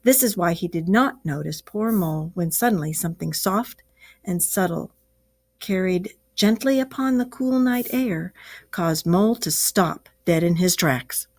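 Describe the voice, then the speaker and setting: In a slow, expressive storytelling voice, a female teacher reads a classic animal story aloud to children. Her voice sits on the lower side.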